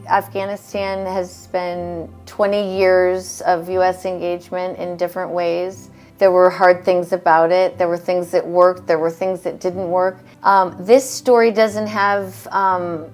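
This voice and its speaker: A woman from the United States recalling events in an interview, thoughtful and earnest, pausing with fillers. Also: fairly low pitch. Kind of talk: interview recollection.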